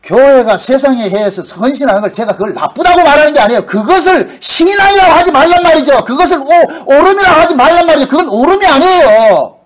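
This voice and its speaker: A man preaching a sermon as pastor, talking in a colloquial way and acting out quoted voices, from loud bursts to hushed asides. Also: very high-pitched, lively intonation, fairly quick, few pauses, low-quality recording. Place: church sanctuary.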